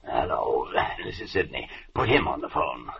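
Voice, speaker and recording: An actor playing a sinister, impatient fat criminal in a radio play, curt and gravelly, often hushed. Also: male voice, very deep voice, sing-song, normal speed, full character voice. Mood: impatient, conspiratorial. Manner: curt, menacing, domineering. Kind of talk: 1940s radio acting. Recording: dull vintage 1940s radio recording.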